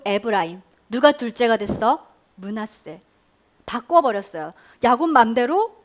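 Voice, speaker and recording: Speaking a little slowly in a slightly high voice, a woman preaches to children in a Sunday school room at church. She keeps it animated, asking them questions and having them repeat phrases after her.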